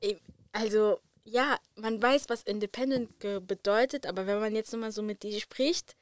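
A woman's voice: mid-range voice, normal speed, no room sound, studio quality. Curious woman asking casual questions. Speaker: podcast host. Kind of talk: casual podcast interview.

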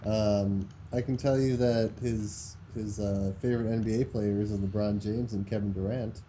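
Male co-host, deadpan short replies, mellow voice over a call with slight hiss. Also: lowish voice, moderate pace. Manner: dry, brief answers. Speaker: podcast co-host. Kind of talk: casual chat over a call. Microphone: video call.

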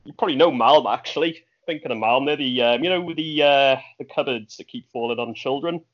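A Welsh man in a relaxed podcast chat, joking in a dry, easygoing way. His voice sits at an everyday middle pitch. The recording sounds dull and lo-fi, made at home. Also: fairly quick. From Wales. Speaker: podcast co-host. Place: bedroom at home.

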